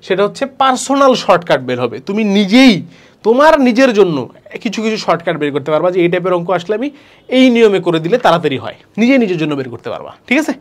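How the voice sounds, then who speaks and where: A young male tutor with a Bangladeshi Bengali accent runs through exam tips in a video lesson. He talks fast with a lively, swooping delivery and a fairly high voice. He sprinkles in English words and keeps asking his students whether they follow. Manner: mixes English words, asks students rhetorical checks. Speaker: admission test tutor.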